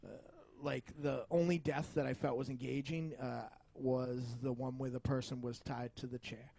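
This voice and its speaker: One podcast co-host, a man with a mid-range, creaky, dark voice, argues about film with heavy swearing. Despite a level tone and moderate pace, he's emphatic and combative in this heated review discussion, recorded with no echo.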